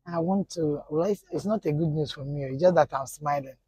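Earnest Nigerian woman, husky voice. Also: sits low, brisk, dark tone, no room sound, low-quality recording. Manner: earnest, blessing-giving talker. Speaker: vlog guest. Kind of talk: casual storytelling chat.

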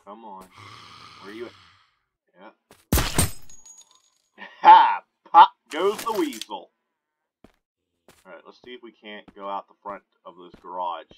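A man giving casual, excitable commentary while he plays a shooting game, talking to himself into a close mic. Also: low voice, fairly quick, pauses often. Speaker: gamer. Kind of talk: gameplay commentary. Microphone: desk mic held close. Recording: noisy home recording.

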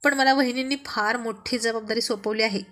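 A good-natured young man who jokes easily with his friend, as a woman reads him. Told as a spoken family story, in a somewhat high voice. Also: fairly even intonation, brisk, fairly bright tone, lightly acted. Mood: joking.

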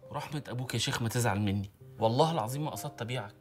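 A man's voice: medium pitch, racing, close to an everyday voice. An actor playing a hapless young man with an Egyptian accent, pleading in a comedy film. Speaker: film character. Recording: film scene with music behind.

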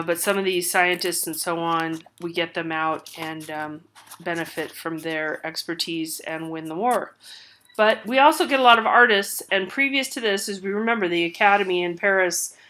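A woman's voice: lowish voice, fairly bright tone. A woman giving a recorded art history lecture with hiccups, talking loosely with many fillers and restarts.

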